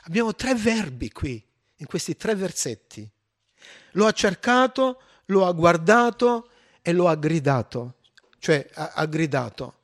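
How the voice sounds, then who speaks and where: A man's voice: on the high side, sing-song, a little slow. A man preaching a sermon, emphatic and building in force on his key points.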